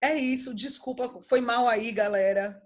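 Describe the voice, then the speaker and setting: A woman's voice: a little high, unhurried. A woman, telling family stories in a casual chat and animatedly acting out her kids' voices. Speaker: podcast co-host.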